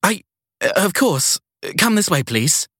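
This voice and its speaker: A man voicing a nervous young woman receptionist who stammers and apologizes, his husky voice lifted high. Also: sing-song, slow, a bit bright, no room sound, clean studio sound, heavily acted. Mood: flustered.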